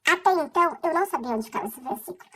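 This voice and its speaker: Woman, high bright voice, emotional faith testimony, stop-and-start delivery. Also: expressive, slight background noise, poor audio. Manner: earnest and halting, with restarts. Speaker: person sharing a faith testimony. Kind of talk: personal religious testimony.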